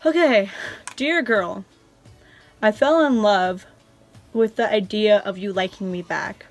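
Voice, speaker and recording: A woman's voice: medium pitch, slow pace, faint music behind. A young adult woman reading a love letter aloud, as a vlogger sharing her own writing. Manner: reading written lines aloud.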